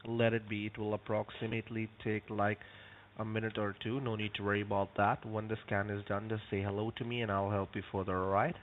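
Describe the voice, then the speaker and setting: A man's voice: lowish voice, level tone, fairly quick, a little hiss or hum. A polite man working as a phone support agent, pronouncing v like w and often saying sir. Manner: says v like w; polite, repeatedly addressing the caller as sir. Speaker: phone scammer posing as tech support agent. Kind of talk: scripted phone support talk turning to chat. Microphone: phone call. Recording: tinny narrow phone line.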